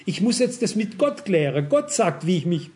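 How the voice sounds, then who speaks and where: A man's voice: high voice, very animated, a little mellow. A man preaching a sermon, reasoning with examples, reading Bible verses aloud and often asking the congregation "wisst ihr?". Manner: measured, cautious reasoning with examples.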